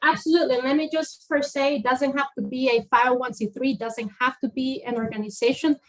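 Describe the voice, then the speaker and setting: An earnest woman from El Salvador talks as an interview guest, her voice sitting a little high. She explains at length and leans on her key phrases with emphasis. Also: steady tone, a little fast, rough recording. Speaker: executive director of a social justice fund.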